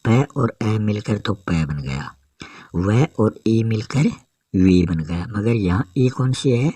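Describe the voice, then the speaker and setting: A man with a fairly low voice gives a grammar lesson. He talks very slowly and builds up each example one step at a time. The recording is dry and close, with no room sound. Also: mellow, no room sound. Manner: slow, step-by-step explaining. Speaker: teacher.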